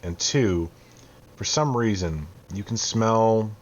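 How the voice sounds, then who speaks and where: A man narrates a tabletop game as its game master, calm and descriptive. His voice sits a little low, and the recording is muffled and lo-fi. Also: slow.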